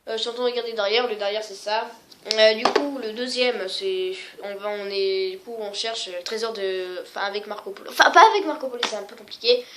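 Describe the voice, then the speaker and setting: Une femme qui présente ses jeux vidéo sur un ton décontracté, en hésitant souvent et en se moquant d'elle-même. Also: female voice, medium pitch, brisk, noisy background. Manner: rambling, many fillers and self-mocking asides. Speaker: gaming vlogger. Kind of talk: casual video game showcase.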